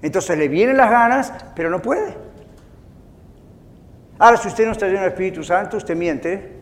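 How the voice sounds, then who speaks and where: High-pitched guy preaching, acts out little voices, echoey hall. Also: normal speed. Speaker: pastor. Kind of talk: sermon.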